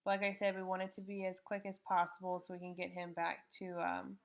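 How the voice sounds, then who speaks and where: A woman's voice: fairly low pitch, a little fast. A woman on veterinary staff gives live explanatory commentary on a procedure, speaking informally and patiently, step by step.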